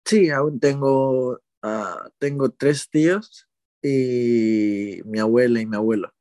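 A man's voice: mid-range voice, slow, dry recording, clean studio sound. A young man from Ecuador, talking casually as an interviewee, rambling a little and correcting himself as he goes. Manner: relaxed, rambling, with hesitations and self-corrections. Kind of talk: casual conversation.

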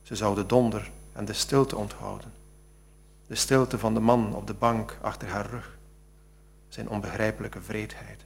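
A man, an author, reading a passage from his novel aloud after explaining it with halting speech. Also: lowish voice, steady tone, vocal fry, slightly rough. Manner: halting, with many fillers when talking freely.

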